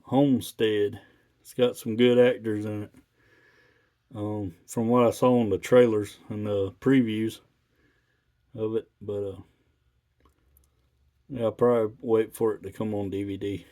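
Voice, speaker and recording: Low, flat-toned man rambling casually. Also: a little slow, pauses often. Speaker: radio hobbyist video maker.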